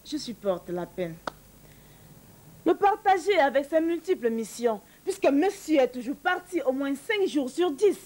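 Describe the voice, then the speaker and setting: Lady with a high voice ranting in a comic monologue, all dramatic and fed up. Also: darkish tone, low-quality recording. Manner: exasperated, dramatic, speaks to the audience. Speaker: monologue performer.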